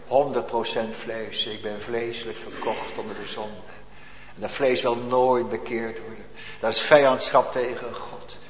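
A man preaching a sermon, swinging between loud emphatic cries and hushed low asides. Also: level tone, a little slow, a crowd in the background. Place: church. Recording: echoey lo-fi church hall recording.

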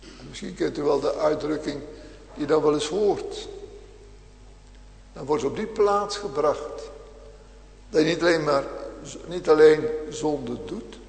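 Male pastor, slow repetitive preaching, roomy church sound. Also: on the high side, gravelly, a little mellow. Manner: slow, swelling preaching cadence with repeated phrases. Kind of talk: sermon. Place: large church hall. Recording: echoey church, long reverb.

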